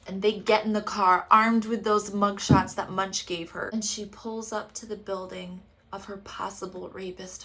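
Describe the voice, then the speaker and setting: A woman's voice: mid-range voice, gravelly, a bit bright. Woman podcast host, sarcastic casual recapper who swears and animates the quoted dialogue.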